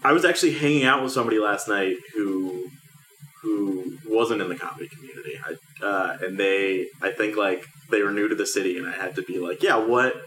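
A man's voice: sits low, fairly quick, fairly bright tone. A man chatting casually on a podcast, rambling and hesitant with lots of fillers. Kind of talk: casual chat. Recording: echoey room, faint hiss.

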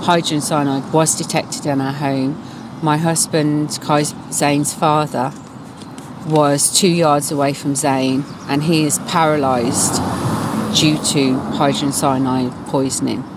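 A woman speaking as a news interviewee in halting, deliberate phrases. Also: deep voice, steady tone. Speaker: interviewee, bereaved mother. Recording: clear background noise, ambience.

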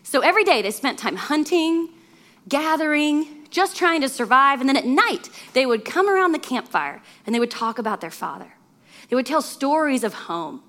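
A woman preacher with a high, bright voice tells a parable to her congregation, her pitch leaping up and down as she goes. She keeps the story moving with lively asides and frequent little chuckles. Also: normal speed. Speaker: guest preacher. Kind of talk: storytelling sermon.

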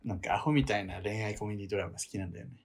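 A man's voice: on the low side, racing. Wry, teasing man with a lilt. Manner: wry, teasing, laughs often. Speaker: podcast co-host. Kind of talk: casual chat.

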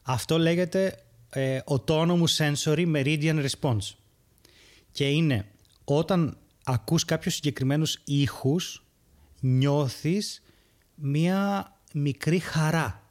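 A man co-hosting a podcast in casual chat, animated and often laughing at his own stories. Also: a little high. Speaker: podcast co-host.

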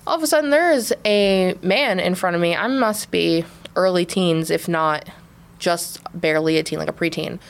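A woman in her twenties co-hosting a podcast, telling a story in a casual, animated way, full of laughs and "like". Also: fairly low pitch, moderate pace, gravelly. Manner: animated, laughing, heavy use of "like". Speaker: podcast co-host.

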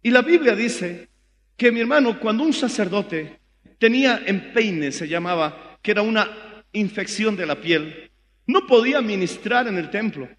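A man with a Bolivian accent preaching a sermon as pastor, fervent and rising to shouts. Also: sits high, animated, normal speed, long reverb tail. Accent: Bolivian Spanish.

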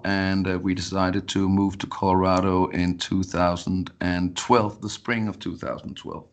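Deep-voiced Danish man stammering restarts. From Denmark. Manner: many repeated words and restarts. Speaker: podcast guest. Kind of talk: casual interview talk. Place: Colorado.

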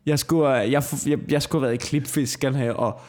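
Male co-host, crude, animated ranter, casual podcast banter. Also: medium pitch. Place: office.

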